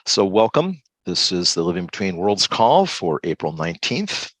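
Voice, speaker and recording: Low-voiced man hosting a video call. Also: dry recording. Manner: relaxed, halting, many fillers. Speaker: host of a group video call. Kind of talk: casual group check-in.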